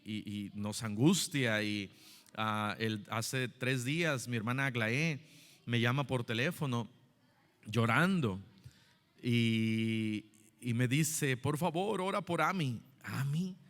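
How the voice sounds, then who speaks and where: A man's voice: medium pitch, a bit bright, clean tone. A middle-aged man preaching a Sunday school sermon as pastor, telling personal stories in a conversational way with many fillers and restarts. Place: church hall. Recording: long hall reverb.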